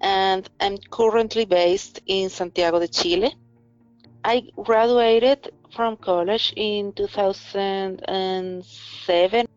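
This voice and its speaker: A woman's voice: medium pitch, fairly even intonation, takes it slowly, clean tone, no room sound, highs cut off, faint music behind. Woman recalling her small-town childhood. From Venezuela. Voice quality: hesitant, repeats words while searching for them. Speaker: interviewee. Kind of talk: reflective personal account.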